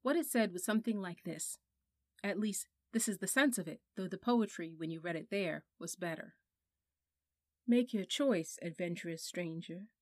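A woman narrating a children's storybook in a measured, softly expressive way. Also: medium pitch, no room sound, studio quality. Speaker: audiobook narrator.

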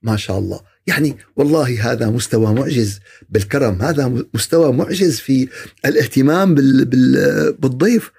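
A man's voice: medium pitch, a little fast, vocal fry, a little mellow, breathy edge. A man giving a podcast religious talk, asking rhetorical questions and answering them himself. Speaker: religious speaker.

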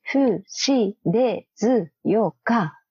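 A woman's voice: a little high, expressive, extremely slow, warm tone, husky, no echo. A woman chatting casually with a friend, playfully sounding out made-up syllables and giggling often. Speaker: co-host. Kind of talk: casual chat. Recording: dull lo-fi dry recording.

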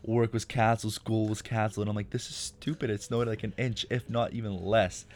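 A man's voice: on the low side, flat delivery, fairly quick, darkish tone. A young man co-hosting a podcast, chatting casually in a crude, slangy way and acting out quoted people. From Albania. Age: young adult. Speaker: podcast co-host. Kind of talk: casual chat.

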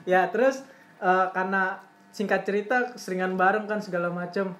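A woman's voice: medium pitch, flat delivery, a little fast. A young woman with a Jakarta accent telling an anecdote in casual, slangy Jakarta speech, teasing as she goes. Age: young adult. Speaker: storyteller leading a group chat. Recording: roomy echo, faint background noise.

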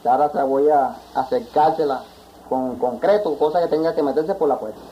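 A man telling a folk tale in a lively, rambling way, on a dull lo-fi 1960s field tape. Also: a little high, brisk, a little hiss or hum. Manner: lively and rambling, acts out animals. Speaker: folk storyteller. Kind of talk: oral folk tale narration.

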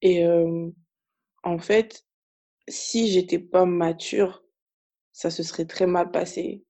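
A young woman from Africa talking casually and thoughtfully, often pausing with fillers. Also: fairly low pitch, steady tone, gravelly, dark tone. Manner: reflective, hesitant with fillers. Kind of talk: casual chat.

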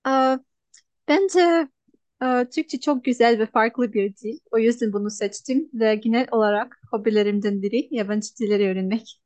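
A woman in her twenties from Russia with a Russian accent, answering interview questions in halting, simple non-native Turkish. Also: on the high side, a little mellow, no echo. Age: 20s. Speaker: interview guest, language learner. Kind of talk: casual interview.

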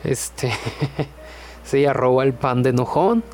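Slow, relaxed young man. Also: medium pitch, a little hiss or hum. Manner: relaxed, chatty, with many fillers and joking asides. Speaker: podcast host.

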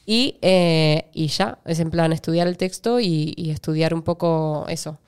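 An actress with an Argentine Spanish accent talks in a relaxed interview chat. Her voice sits a little low and sounds smooth and clear. She explains things at length, full of fillers and easy laughs. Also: measured pace. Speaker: actress guest.

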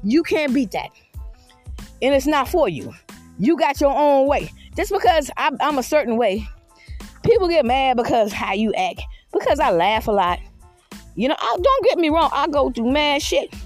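A high-pitched woman in her fifties delivers a defiant, confrontational monologue. She is blunt and profane, with faint music in the background. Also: sing-song, normal speed. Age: 50s. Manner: frequent "you know what I mean" asides.

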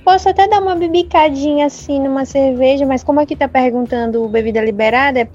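A woman's voice: high-pitched, quick pace, a little mellow, dull audio, soft background music. A woman chatting casually with friends while answering quiz questions, often tagging her sentences with a questioning aside. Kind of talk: casual chat.

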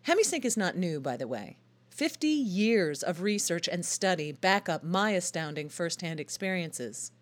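A woman's voice: fairly low pitch, big pitch swings, moderate pace. A woman hosting a short radio feature, telling her story as scripted narration in a wry, enthusiastic way.

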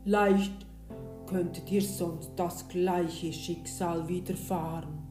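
A woman voicing a stern old giant shepherd father who gives a grave warning, in a roomy space with soft guitar behind. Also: lowish voice, steady tone, extremely slow, pitched below the performer's own voice.

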